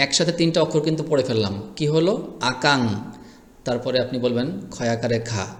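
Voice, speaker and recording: Patient man spelling words aloud, echoey. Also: mid-range voice. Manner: slow, patient, spells out letter by letter. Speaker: Bengali spelling teacher. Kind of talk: spelling lesson. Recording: echoey room with long reverb.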